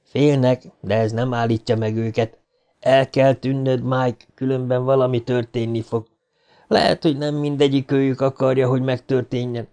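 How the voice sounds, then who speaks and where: A man voicing a calm, grown-up inner voice that warns a frightened boy in a hushed, low tone. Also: smooth, natural voice. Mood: urgent hush.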